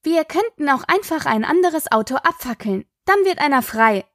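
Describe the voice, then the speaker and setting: A woman's voice: high voice, animated, fairly bright tone, dry recording, studio quality, pitched above the performer's own voice. A woman reading an audiobook, voicing a sarcastic, teasing teenage daughter. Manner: sarcastic, quick-tongued.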